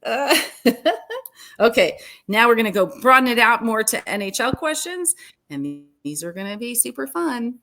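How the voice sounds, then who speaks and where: A woman co-hosting a sports fan show, chatting casually and animatedly through rapid-fire questions, sometimes trailing off mid-thought. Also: a little high, lively intonation, pushed and bright.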